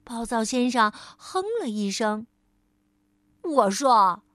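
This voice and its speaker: A woman storyteller reading a picture book aloud to a child, gently addressing the listener as darling. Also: fairly high pitch, unhurried, dry recording.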